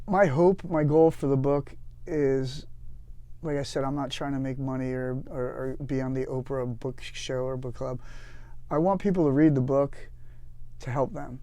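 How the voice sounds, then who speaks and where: A man being interviewed as a guest author and veteran, telling anecdotes in a lively, casual way with frequent restarts. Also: mid-range voice, dry recording. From United States.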